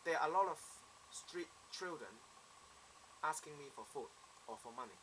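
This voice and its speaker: A young man in his twenties speaks with a Hong Kong accent, telling his story in an earnest, plain way. His voice is bright and clear. A faint hiss sits under the recording. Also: on the high side, animated, normal speed, rough recording. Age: 20s. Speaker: applicant. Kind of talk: self-introduction video monologue.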